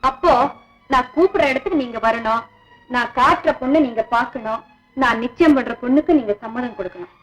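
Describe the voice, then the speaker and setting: A woman's voice: fairly high pitch, a little fast, fairly bright tone, faint music behind, low-quality recording. An actress playing a frank, spirited young woman in a 1960s film drama, given to tearful, pleading outbursts. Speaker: lead actress in a film scene.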